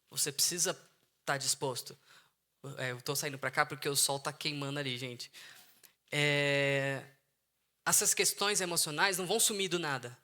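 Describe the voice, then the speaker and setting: A man's voice: fairly high pitch, pushed and bright. A man with a Brazilian Portuguese accent, a psychologist giving an earnest talk that repeats key phrases for emphasis, speaking outdoors. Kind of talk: emotional intelligence talk to an online audience. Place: outdoors in the sun.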